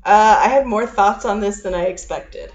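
A woman's voice: mid-range voice, moderate pace, darkish tone, lo-fi sound. A woman co-hosting a podcast in casual chat. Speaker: podcast co-host.

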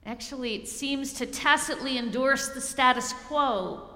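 A middle-aged woman pastor preaching a sermon, measured and slowing down to stress key phrases. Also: sits high, sharp tone. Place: church sanctuary. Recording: echoey church hall.

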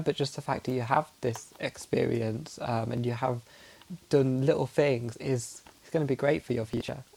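A man's voice: mid-range voice, vocal fry, mellow. A young man from the chatting casually as a student, upbeat, with frequent laughs and fillers. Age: young adult. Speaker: student podcast guest. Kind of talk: casual chat.

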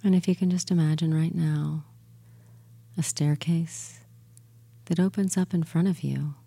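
A woman guiding a relaxation and hypnosis session in a soothing, gentle, soft murmur that is breathy and near a whisper at times, with long pauses. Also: low-pitched, fairly even intonation. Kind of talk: guided meditation and hypnosis induction.

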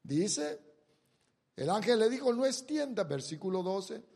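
A man preaching a sermon, retelling a Bible story and acting out the characters' lines, with dramatic jumps between loud bursts and quiet drawn-out words. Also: sits high, big pitch swings, breathy edge.

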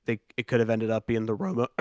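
A man's voice: medium pitch, animated, brisk, no room sound, studio quality. A man co-hosting a sports podcast in loose, casual chat, swearing freely and restarting his sentences often. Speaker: podcast co-host.

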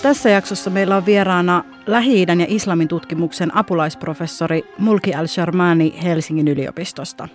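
A woman co-host introduces the show lightly, in a somewhat low voice. Faint music plays underneath her. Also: fast, few pauses. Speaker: podcast co-host. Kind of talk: podcast intro and chat.

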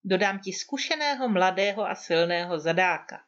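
A woman's voice: mid-range voice, lively intonation, fairly bright tone, lo-fi sound, close to an everyday voice. Woman voicing a breezy, carefree young son. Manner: breezy, persuasive, talks back.

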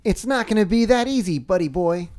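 A man's voice: high voice, lively intonation, fairly quick, a little mellow, pitched above the performer's own voice. A man voicing an earnest young male superhero, reading comic lines in a corny, overdramatic way. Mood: heroic. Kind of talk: comic read-aloud with voices.

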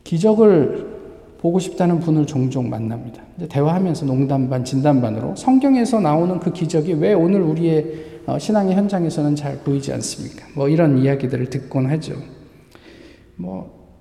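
A man's voice: fairly high pitch, lively intonation, brisk, vocal fry, mellow. A male pastor preaching a Sunday sermon, often putting questions to the congregation. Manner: asks the congregation rhetorical questions. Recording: echoey hall with long reverb.

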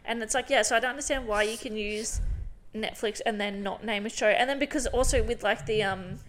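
A woman's voice: on the high side, a little fast, slight background noise. A woman talking casually about a romance novel, blunt and chatty, now and then swearing. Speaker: book podcast co-host. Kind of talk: casual book discussion.

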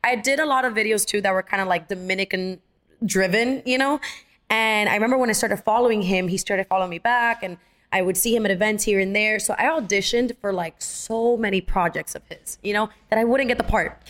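A young adult actress, the guest in a relaxed interview, recounts stories fairly quickly in a mid-range voice. She plays out the words of the people she quotes, stays animated throughout, and drops in many fillers.

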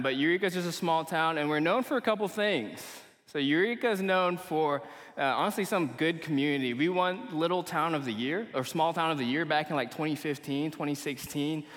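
Speaking at a moderate pace in a slightly high, somewhat bright voice, this young Malaysian man from Kuala Lumpur preaches informally to a live congregation of young adults. His style is conversational and full of slang, and the church hall leaves a long echo on the audio.

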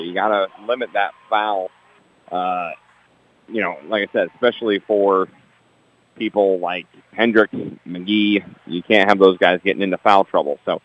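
An American man works as a local radio sportscaster, filling halftime with commentary and announcements. His voice is low, and the broadcast sound is a little muffled.

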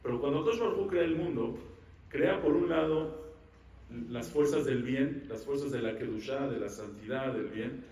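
A rabbi giving an animated Torah lecture, asking the audience questions and answering them himself. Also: male voice, medium pitch, moderate pace. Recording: echoey room, mic at a distance.

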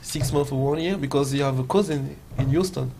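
A man from France with a French accent, a guest dancer telling his story in halting English full of fillers. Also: mid-range voice, warm tone, slight background noise. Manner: halting non-native English with many fillers. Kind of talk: casual interview.

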